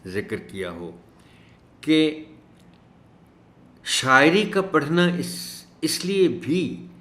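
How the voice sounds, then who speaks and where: A man teaching an Urdu lesson for teachers, speaking in a measured way and slowing down to stress each word he corrects. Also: on the high side, very animated, a bit bright. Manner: measured, stresses words slowly when correcting pronunciation. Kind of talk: instructional video lesson. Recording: echoey room.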